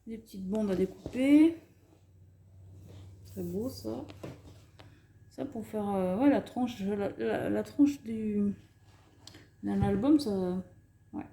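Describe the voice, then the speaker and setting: A woman's voice: medium pitch, takes it slowly, creaky, pauses often, mellow. A woman casually chatting through a craft supply haul, showing items one by one and correcting herself as she goes. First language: French. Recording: echoey room with faint noise.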